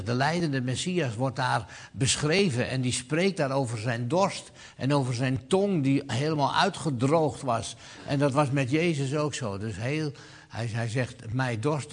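A man preaching a sermon who speaks to his listeners directly, hesitates with fillers, swells to loud proclaiming and then drops low and quiet. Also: husky.

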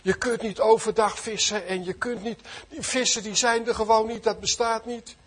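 A preacher voices a grown fisherman who flatly refuses to believe, protesting in a high, husky voice. He sounds exasperated and grudging, as if told something impossible. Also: normal speed. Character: doubting gruff fisherman Peter, adult man.

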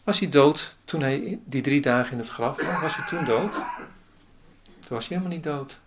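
A man's voice: on the high side, moderate pace, noisy background. A man preaching a sermon as pastor, asking the congregation many rhetorical questions.

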